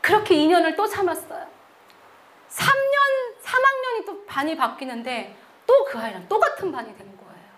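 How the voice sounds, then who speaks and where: Middle-aged woman missionary telling a testimony, high voice, really expressive, acts out the quotes. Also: moderate pace. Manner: animated storytelling, acts out quotes. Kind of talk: testimony sermon.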